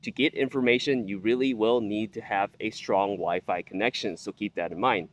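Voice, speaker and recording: A man's voice: lowish voice, fairly even intonation, moderate pace. A man giving an explanatory product review to viewers, repeating key points for emphasis. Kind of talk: product review talk to camera.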